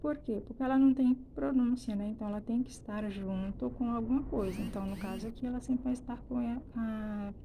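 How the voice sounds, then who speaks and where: A woman's voice: fairly high pitch, fairly even intonation, creaky, background noise. A woman from Brazil teaching a language lesson, explaining step by step with many restarts and checks for understanding. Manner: explains slowly, with frequent "né?" and "então" restarts. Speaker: Spanish teacher. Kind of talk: recorded classroom lesson.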